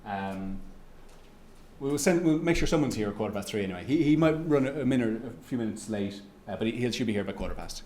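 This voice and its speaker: In an echoey lecture room, an Irishman fields audience questions after an economics talk, his speech halting and full of fillers and restarts. His voice sits on the low side, a little mellow with lively intonation, and there's a little hiss or hum.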